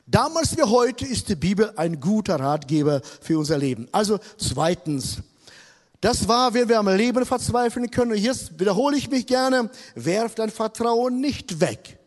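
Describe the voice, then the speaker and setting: A man's voice: sits high, big pitch swings, normal speed. A man preaching a sermon in a church hall, emphatic and repeating his key words. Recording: long reverb of a large hall.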